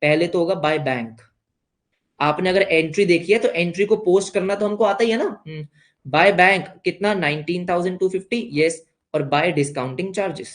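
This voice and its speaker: A man's voice: sits high, normal speed. A young man with an Indian accent teaching an accounts lesson, playfully asking questions and answering them himself as a student would. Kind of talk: online class lesson.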